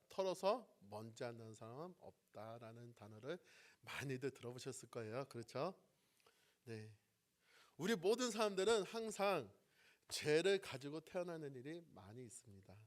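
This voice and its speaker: A man preaches to his congregation in a fairly high voice. He keeps asking them questions and waiting for their replies. His phrases swing from loud, stressed lines to quiet, trailing endings. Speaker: pastor. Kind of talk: sermon.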